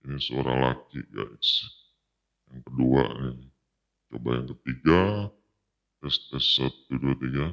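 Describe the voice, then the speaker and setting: A man's voice pushed down by a voice changer into a very deep, gravelly sound. He talks slowly and casually, testing lines into the mic for a demo. The recording is dull and lo-fi. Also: a bit bright. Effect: voice changer making his voice deeper. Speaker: channel host.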